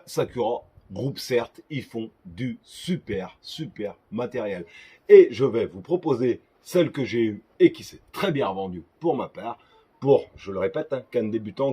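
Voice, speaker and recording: A man's voice: medium pitch, warm tone, slightly rough. A young man talking casually in a gear-advice vlog, chatty and joking with crude asides. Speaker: fishing vlogger.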